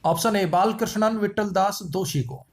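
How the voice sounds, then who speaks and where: A man with a high voice runs through quiz answers, one after another. He ties each answer to a silly pun and repeats it so it sticks. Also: lively intonation, moderate pace, creaky. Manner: playful wordplay, repeats lines. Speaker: quiz teacher. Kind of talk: memory-trick quiz lesson.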